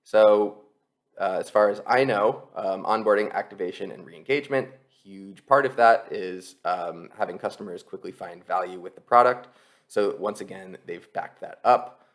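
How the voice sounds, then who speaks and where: A copywriting instructor with a fairly low voice presents an explanatory tutorial over a screen share. He talks conversationally at normal speed, taking things step by step.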